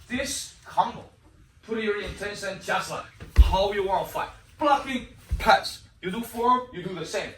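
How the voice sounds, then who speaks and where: A martial arts instructor teaching a kids' kung fu class, counting and giving short commands and encouragement, with loud music over the voice. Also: mid-range voice, measured pace, reverberant, far from the mic, rough recording.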